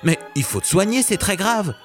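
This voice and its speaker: A man voicing a small, brave and clever male weaver bird who talks excitedly, pitched above his own voice in a children's audio story. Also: moderate pace, faint music behind. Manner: excited, eager.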